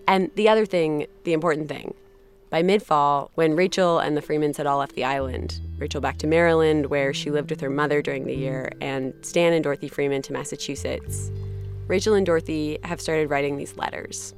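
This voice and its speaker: A woman's voice: low-pitched, fairly even intonation, brisk, faint music behind. A woman hosting and narrating a story podcast in a conversational, reflective way. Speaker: podcast host. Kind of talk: scripted narration.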